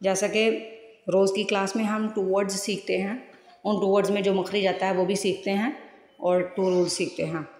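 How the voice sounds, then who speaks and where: A woman's voice: mid-range voice, little pitch movement, moderate pace, darkish tone. A woman teaching a Quran lesson, spelling out each word syllable by syllable and repeating it patiently. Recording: echoey room with long reverb.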